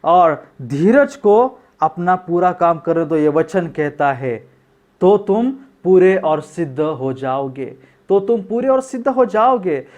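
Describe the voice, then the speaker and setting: High-voiced man preaching a sermon. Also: animated, slow, a little mellow, lo-fi sound. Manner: emphatic, asks and answers his own questions; repeats phrases for emphasis. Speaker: pastor.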